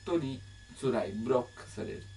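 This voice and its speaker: A man's voice: mid-range voice, expressive, moderate pace, vocal fry, dark tone, recorded from a distance, slight background noise. A man with an Italian accent, a native Italian speaker, explains song lyrics as a language teacher, in simple broken phrases and with sung examples.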